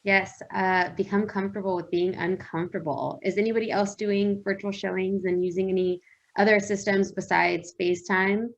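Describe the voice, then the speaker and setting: A woman hosts a panel casually, in a mid-pitched voice with plenty of creak. The audio is dull and lo-fi. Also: level tone, moderate pace. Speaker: panel moderator.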